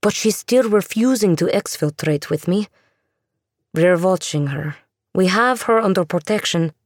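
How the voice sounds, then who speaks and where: A woman's voice: on the low side, animated, unhurried, dry recording, studio quality. A woman voicing an earnest, defensive young Russian woman who works as a magical agent, in an audiobook. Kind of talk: audiobook character voice.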